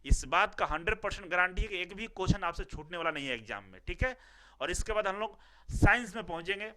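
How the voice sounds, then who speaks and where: A young man teaches a recorded class, and his voice sits high and bright. He explains patiently, repeats each point and keeps checking that his students follow. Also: expressive, fast talker. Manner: explains step by step, repeats phrases, asks "ठीक है ना" often.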